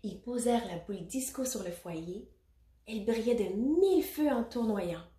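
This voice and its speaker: A woman reading a children's picture book aloud, expressive and adding little asides for children. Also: fairly high pitch, moderate pace. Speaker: storybook reader. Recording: roomy echo.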